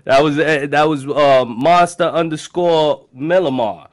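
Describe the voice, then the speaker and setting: A man's voice: on the high side, steady tone, unhurried, no room sound. Brooklyn-accented man bantering on radio, dry close sound. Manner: slangy, profane, repeats phrases. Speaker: radio show host. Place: small radio studio. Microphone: close studio microphone with headphones.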